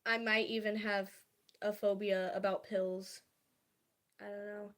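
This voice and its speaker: A woman's voice: mid-range voice, level tone, a little slow. A young woman livestreaming, talking casually and hesitantly about her feelings, with many fillers and restarts. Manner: confiding and soft-spoken about feelings.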